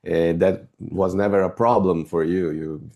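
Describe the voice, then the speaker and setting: A male interviewer with a low-pitched voice asks questions in a casual way. His tone is dark and relaxed. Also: measured pace.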